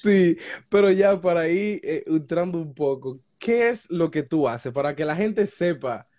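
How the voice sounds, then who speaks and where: Halting podcast host. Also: male voice, on the high side, lively intonation, a little mellow. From Dominican Republic. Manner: hesitant, halting, with repeated starts. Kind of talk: casual interview chat.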